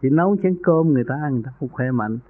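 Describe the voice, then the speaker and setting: A man's voice: medium pitch, animated, racing. A man who is a spiritual teacher, advising a caller on meditation practice during a radio call-in. He speaks in a folksy, earnest way and raises his voice for emphasis. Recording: narrow phone-like radio sound.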